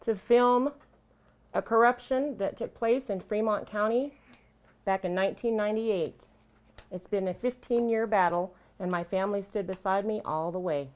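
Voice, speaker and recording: A woman's voice: medium pitch, normal speed, darkish tone. An older woman from Colorado reading a prepared statement as testimony, firm and indignant, with pointed asides. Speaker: interviewee giving testimony.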